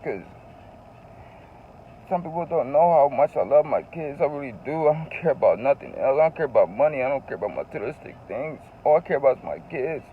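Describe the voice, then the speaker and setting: A man's voice: fairly high pitch, animated, a little fast, narrow, tinny audio, a little hiss or hum. A man telling a personal story in a casual, confessional vlog, earnest and emotional, often repeating phrases for emphasis. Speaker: vlogger.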